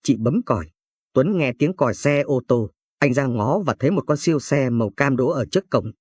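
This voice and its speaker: A man narrating a spoken story with an even, steady reading. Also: medium pitch, brisk, husky, no echo, clean studio sound. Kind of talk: read-aloud story narration.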